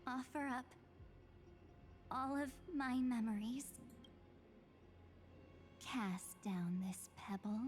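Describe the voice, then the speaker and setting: An actress playing an enigmatic, solemn young woman with a measured, theatrical delivery in a video game. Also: a little high, slight background noise. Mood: solemn resolve. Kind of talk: dramatic video game voice acting.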